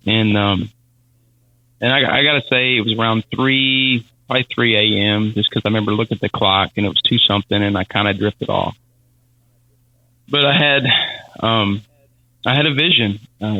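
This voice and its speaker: A man telling a personal faith testimony as a podcast guest, halting and repeating words as he speaks. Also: lowish voice, no room sound, highs cut off. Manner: halting, repeats words, Southern-style casual phrasing.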